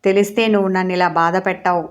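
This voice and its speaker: A woman's voice: on the low side, level tone, racing, lightly acted. A woman voicing a sulky, jealous young woman in a romance story read aloud. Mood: pouting. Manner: pouting, indignant.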